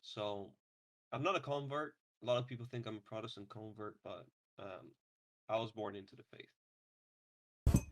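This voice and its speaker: A man in his twenties hosting a casual podcast, relaxed and hesitant with many ums. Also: on the low side, moderate pace, pauses often. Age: 20s. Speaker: podcast host. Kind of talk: casual chat.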